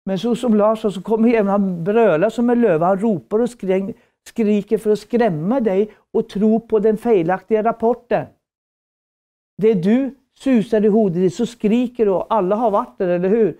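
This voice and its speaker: A woman's voice: mid-range voice, dark tone. A woman giving a preaching lecture at a Bible school, fervent and emphatic, with repeated phrases and rhetorical questions.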